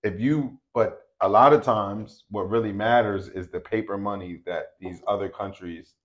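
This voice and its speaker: A man's voice: fairly low pitch, normal speed, dull audio. A man co-hosting a podcast in casual chat, making his points with emphasis and repeating them. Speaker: podcast co-host.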